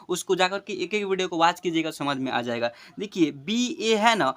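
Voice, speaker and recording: A man teaches children to spell, breaking every word into its sounds. His voice sits high and sounds bright and sharp. He often stops to ask whether his students understood. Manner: explains step by step, often asks if students understood.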